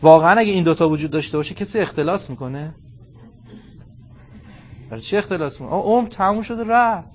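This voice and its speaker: A middle-aged man giving a religious lecture, emphatic, moving between quiet asides and loud stressed phrases. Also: fairly high pitch, animated, long pauses, slight background noise. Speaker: cleric lecturer. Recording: muffled lo-fi recording.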